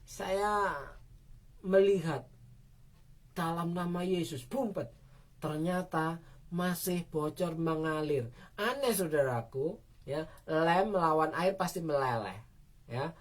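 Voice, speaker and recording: Slow-speaking woman pastor. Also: lowish voice. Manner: storytelling with frequent "saudaraku" address, cries out prayers. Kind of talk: devotional prayer sermon.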